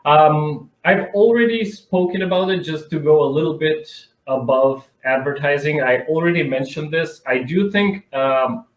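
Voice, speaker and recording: A man's voice: fairly high pitch, moderate pace. A man from North Macedonia, speaking conversationally as an expert guest in an interview. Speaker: interview guest, advertising director. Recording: echoey room sound.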